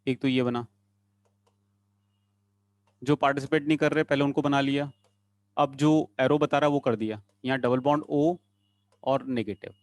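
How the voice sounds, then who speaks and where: A man's voice: mid-range voice, fairly even intonation, moderate pace, pauses often, dry recording. A man teaching chemistry in an online class, coaxing students along and repeating short phrases in a sing-song way.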